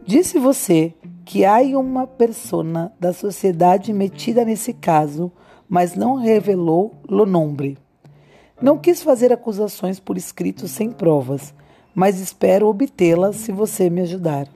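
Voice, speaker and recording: A woman's voice: medium pitch, animated, unhurried, mellow, slightly rough, soft background music. A woman reading a cool young journalist. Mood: businesslike.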